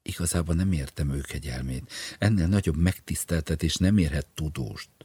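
A polite, earnest male professor, read by a man for an audiobook. The voice sits extremely low with a thick husky edge, recorded dry and close. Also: dark tone, no echo, full character voice. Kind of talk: audiobook reading.

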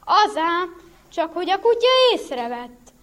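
A woman's voice: very high voice, big pitch swings, fairly bright tone, voice pushed up, heavily acted. A woman voicing a sad, beaten male wolf who tells how he was thrashed. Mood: aggrieved. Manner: mournful, then telling his woes urgently. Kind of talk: storybook reading.

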